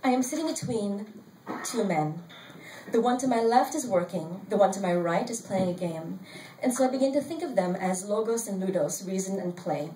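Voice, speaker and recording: An older woman reading her own story aloud at a live event, in a wry, deadpan storytelling manner. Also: medium pitch, normal speed, distant mic. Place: bar event space, indoors. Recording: roomy sound from off-mic, faint crowd noise.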